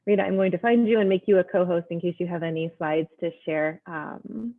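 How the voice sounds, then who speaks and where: A woman's voice: fairly low pitch, fairly quick. A woman hosting a video call event, introducing the next speaker in a chatty, self-deprecating way with ums. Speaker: event host. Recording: tinny phone-like line.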